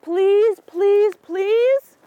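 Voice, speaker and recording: A drag queen voicing excitable, demanding storybook bees in an insistent, begging manner. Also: extremely high pitch, drawn-out words, dry recording, narrow, tinny audio, pitched above the performer's own voice, exaggerated voice. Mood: excited, demanding.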